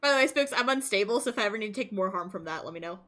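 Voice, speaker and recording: A woman's voice: medium pitch, expressive, very fast, bright, forceful tone. A woman playing a tabletop role-playing game, casually and animatedly describing her character's actions, with some swearing. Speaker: player in a tabletop RPG.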